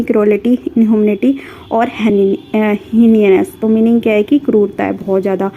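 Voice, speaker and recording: Flat, mellow-voiced woman teacher. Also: medium pitch, slight background noise, poor audio. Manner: reads word lists in steady run, with fillers and self-corrections. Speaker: vocabulary teacher. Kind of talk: casual recorded vocabulary class.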